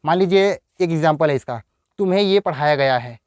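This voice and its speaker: A man with a Hindi accent teaching an English lesson, dictating slowly and repeating each example sentence. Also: a little high, animated, darkish tone, clean tone, dry recording, studio quality.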